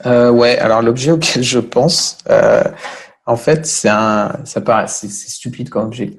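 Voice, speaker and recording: A man's voice: medium pitch, unhurried, vocal fry. A man being interviewed as a podcast guest, talking casually and thinking aloud as he explains. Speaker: podcast guest, online business owner.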